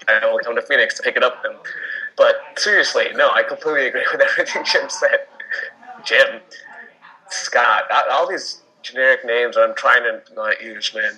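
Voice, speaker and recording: A man's voice: medium pitch, pushed and bright, rough recording. A man co-hosting a casual podcast chat, joking and laughing often. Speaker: podcast co-host.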